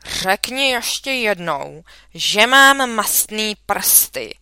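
A woman's voice: medium pitch, expressive, pushed and bright, no room sound, studio quality. A woman reading aloud, voicing a blunt schoolboy with greasy hands. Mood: provoked.

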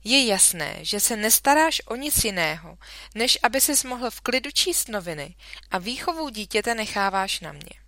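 A woman's voice: medium pitch, sing-song, bright, forceful tone, no echo, voice pushed up. A woman reading a children's story aloud, voicing an indignant, scolding mother in a dry room.

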